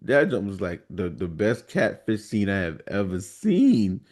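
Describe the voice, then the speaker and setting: A man co-hosting a casual movie podcast, retelling scenes with lively energy and jumping into high voices for the characters. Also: measured pace. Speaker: podcast co-host.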